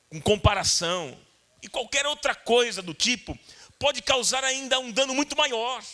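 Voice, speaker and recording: A Brazilian pastor delivering a sermon, a man with a Brazilian Portuguese accent. His voice sits high and bright, and his pitch swings widely as he repeats key points and turns to address the congregation. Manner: earnest, repetitive, addresses congregation directly. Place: church.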